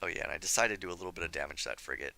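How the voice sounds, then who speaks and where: A slightly hoarse young man commenting on his strategy game as he plays, chatty and scolding himself for his mistakes. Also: low-pitched, racing, bright, forceful tone. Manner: self-critical, chatty, thinking aloud. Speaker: gameplay commentator. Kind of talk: let's play commentary.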